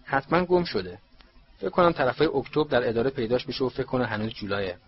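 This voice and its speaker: A man voicing a jolly, excitable middle-aged male sports official in an audiobook reading. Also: dull audio, close to an everyday voice. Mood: cheerful. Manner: eager, booming, bouncy.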